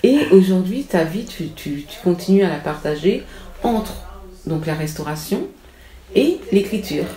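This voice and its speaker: Interviewer, mellow tone, echoey room; prompting, supportive, frequent back-channel murmurs. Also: medium pitch, expressive, a little slow. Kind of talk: conversational interview.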